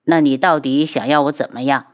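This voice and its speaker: A woman voicing a tired, cold young husband who speaks low and restrained. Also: fairly even intonation, fairly quick. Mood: cold, weary.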